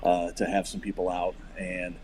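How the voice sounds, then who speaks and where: A man in his forties from Missouri, a podcast guest talking in halting casual chat with many restarts. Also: low voice, completely flat delivery, a little mellow, slight background noise. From Missouri, USA. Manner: hesitant, many fillers and restarts. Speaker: podcast guest, firearms company rep.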